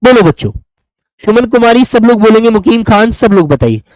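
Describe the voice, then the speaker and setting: A man's voice: high-pitched, very animated, fairly quick, darkish tone, no echo, low-quality recording. A man teaching grammar to a class, patiently repeating examples and calling on students by name. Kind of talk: classroom lesson.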